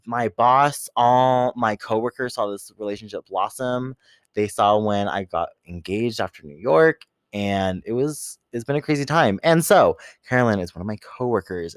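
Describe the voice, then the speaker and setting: A man co-hosting a podcast, chatting and gossiping in an expressive way and swearing freely. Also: lowish voice, dry recording. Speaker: podcast co-host. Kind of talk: casual gossipy chat.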